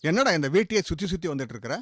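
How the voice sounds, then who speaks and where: A man's voice: on the high side, sing-song, very fast, no room sound. A man acting as an angry, overprotective middle-aged father who scolds and threatens a young man in a TV serial, with music behind. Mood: scolding. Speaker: strict father guarding his daughter.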